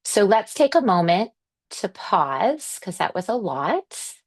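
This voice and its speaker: A woman giving a workshop presentation to parents, explaining things in a gentle, reassuring, measured way. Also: mid-range voice, sing-song.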